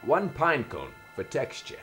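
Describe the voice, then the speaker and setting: A man's voice: mid-range voice, huge pitch swings, measured pace, pushed and bright, faint music behind. A man hosting horror movies in a campy comedy style, hammy and giggling between his lines.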